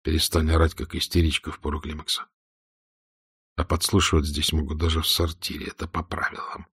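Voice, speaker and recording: A man voicing a calm, quiet spy who answers with cold contempt. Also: a little fast, husky. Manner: quiet, low, near-whispered.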